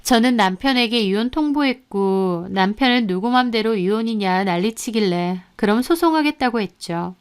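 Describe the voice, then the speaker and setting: A woman calmly narrating a first-person story in a matter-of-fact way. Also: fairly high pitch, moderate pace, hardly any pauses, clear, resonant tone. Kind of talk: scripted narration of a reader's story.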